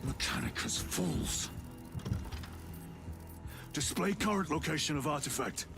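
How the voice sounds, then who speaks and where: An actor playing a gruff space marine lieutenant in a video game, grave, dutiful and commanding in his military delivery. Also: on the high side, lively intonation, a little slow, over loud music. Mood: bitter.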